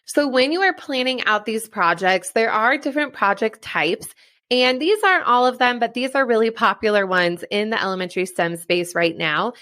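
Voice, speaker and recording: A woman educator presents to fellow teachers at an online summit, upbeat and chatty, laughing lightly at her own slips. Her voice sits at a middle pitch, and the recording is close and dry, with no room sound. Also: fairly bright tone, dry recording. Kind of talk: presentation talk.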